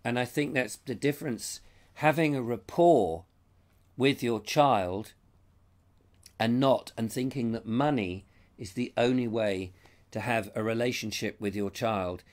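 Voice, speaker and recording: Picked up by a lapel mic, this middle-aged English show host chats and rambles through a live stream, reading out comments from viewers. His medium-pitched voice, a bit slow, is strained by a cold and slipping away.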